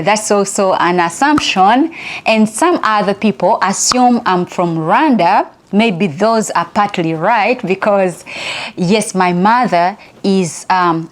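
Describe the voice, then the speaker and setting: A middle-aged woman from Uganda with a Ugandan accent, telling a personal story as an inspirational speaker, chatty and quick to laugh. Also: mid-range voice. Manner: chatty, laughs often, lively.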